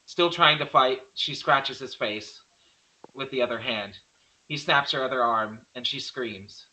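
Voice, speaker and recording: On a low-quality recording, a man reads the stage directions at an amateur screenplay table read, now and then stumbling and correcting himself. His mid-range voice is unhurried, pushed and bright.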